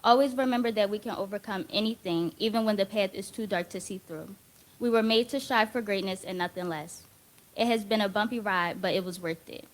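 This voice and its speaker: A woman's voice: mid-range voice, brisk. A young woman in her late teens, a graduating student, giving an earnest and heartfelt formal graduation speech.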